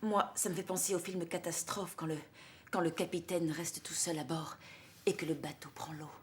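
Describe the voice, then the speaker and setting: A woman's voice: on the low side, steady tone, normal speed, a little hiss or hum, natural voice. An actress playing a chatty, dramatic woman teacher in a dubbed TV drama. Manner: talkative and dramatic.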